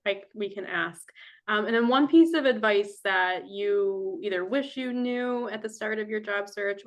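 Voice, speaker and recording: A woman's voice: mid-range voice, a bit bright. A woman moderating an online alumni panel, friendly and organized, with frequent ums as she introduces each speaker. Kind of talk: moderating a video-call panel.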